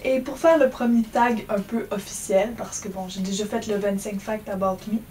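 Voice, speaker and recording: A woman's voice: medium pitch, normal speed, mellow, recorded from a distance, slight background noise. A young woman with an English accent, chatting casually and self-mockingly about books on her channel. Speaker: book vlogger. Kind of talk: casual book tag chat. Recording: from the mic, faint music behind. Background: faint background music.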